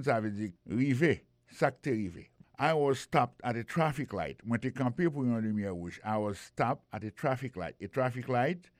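A man's voice: mid-range voice, no room sound. A man with a Haitian Creole accent teaching English phrases on a radio lesson, explaining each one and spelling words out. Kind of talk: bilingual radio language lesson.

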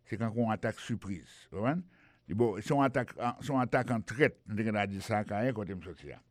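A man with a Haitian Creole accent gives a bilingual radio language lesson, teaching English phrases, explaining each one, and spelling words out. His voice is lowish and a little fast.

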